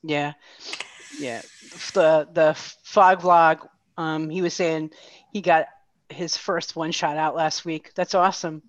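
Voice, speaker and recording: A woman's voice: sits low, fairly even intonation, takes it slowly, dry recording. A middle-aged woman co-hosting a casual chat over a video call with a headset, talking in a friendly way with lots of fillers. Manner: chatty, friendly, filler-heavy. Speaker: co-host. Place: home room. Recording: dull, dry video call audio.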